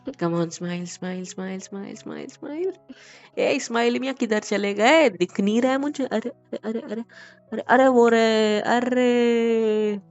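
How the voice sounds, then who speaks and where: A man's voice: high voice, animated, extremely slow, dark tone, highs cut off, faint music behind, heavily acted. A man playing an affectionate young husband who soothes and teases his wife in an intimate romantic audio drama. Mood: playful. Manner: tender, teasing and coaxing.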